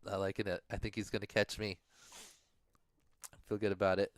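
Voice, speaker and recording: Mellow-voiced man going over race standings. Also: fairly low pitch, flat delivery, brisk, no room sound. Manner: thinks aloud, mumbles. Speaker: livestream co-host.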